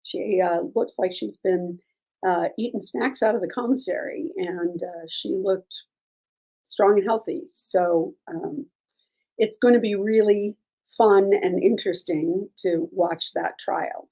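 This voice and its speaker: Chatting on a livestream about court cases, a female host fields questions from chat, offering measured legal takes while frequently umming and restarting. She has a scratchy, warm, mid-range voice.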